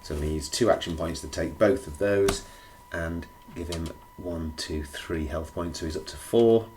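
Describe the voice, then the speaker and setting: Low croaky man narrating a board game. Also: measured pace. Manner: thinking aloud. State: feeling rough, under the weather. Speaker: solo board game player presenting a run-through. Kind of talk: casual play-by-play commentary. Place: indoors at a gaming table. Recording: clear background noise, clicks.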